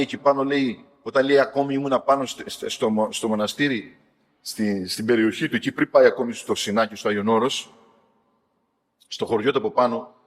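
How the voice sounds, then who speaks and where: A man, a priest, retelling stories of elders in an animated sermon, swinging between loud and soft. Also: mid-range voice. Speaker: priest giving talks. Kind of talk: sermon-like storytelling talk. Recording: long hall reverb.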